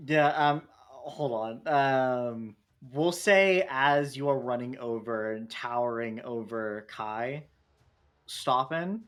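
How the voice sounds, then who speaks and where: Man, game master, tabletop game, middle pitch, steady rules talk, frequent fillers. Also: slow.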